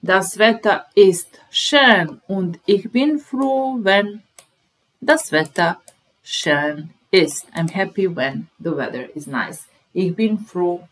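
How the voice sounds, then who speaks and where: Speaking extremely slowly in a fairly low, fairly bright voice, a woman in her thirties teaches German to a webcam in a small room. She repeats phrases patiently, word by word. The recording quality is low.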